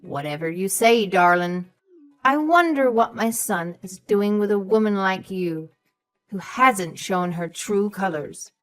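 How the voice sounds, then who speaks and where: A woman uses her natural, mid-range voice, expressive and measured, as faint music plays behind her. She's cast as a haughty, distrustful old mother-in-law in a scripted audio story, scornful and cutting, with patronizing endearments like "sweetheart" and "darling."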